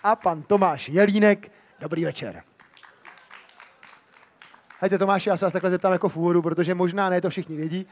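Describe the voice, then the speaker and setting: A man's voice: high-pitched, pauses often, some chatter behind. A man moderating a live festival panel on a shared handheld microphone, chatty and joking, switching between Czech and German. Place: outdoor street festival stage.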